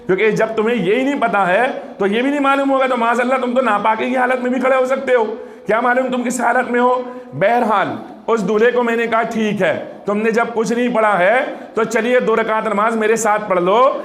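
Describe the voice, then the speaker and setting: A man's voice: very high voice, a bit bright. A male preacher giving a storytelling sermon to a gathering, acting out the dialogue in his story and urging listeners to reflect. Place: religious gathering with audience. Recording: echoey room.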